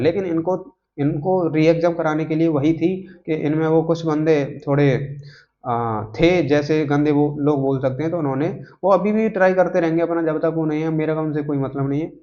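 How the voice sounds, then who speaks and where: A YouTube host gives viewers job exam updates off the cuff, rambling a little and often checking in with short tags. His fairly high, slightly mellow voice comes through a dull lo-fi mic.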